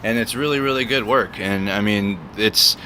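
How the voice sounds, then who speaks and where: Man, fairly low pitch, casual livestream host, repetitive emphatic phrasing, light urban traffic in background. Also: moderate pace, bright, forceful tone. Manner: repeats words and phrases for emphasis. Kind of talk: casual live stream chat. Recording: noisy outdoor city street with traffic.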